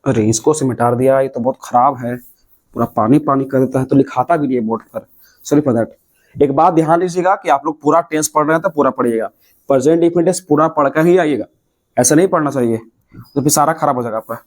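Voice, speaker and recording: A man's voice: mid-range voice, a little fast. A young man with a Bihari Hindi accent teaching a classroom grammar lesson, explaining step by step and answering his own questions.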